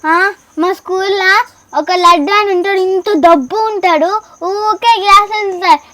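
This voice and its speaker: High-pitched girl in a village comedy sketch. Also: steady tone, moderate pace, bright, forceful tone, dry recording. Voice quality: high childish voice. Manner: whiny, pleading, playful. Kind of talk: playful sketch acting.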